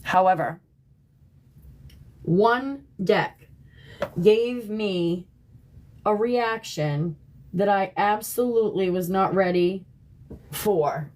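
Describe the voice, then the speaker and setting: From the shop where she works, a tarot reader hosts a phone livestream, talking casually to her viewers. Her medium-pitched, slightly mellow voice is very slow with frequent pauses, and she's chatty and emphatic, often checking in with "okay?" and "right?".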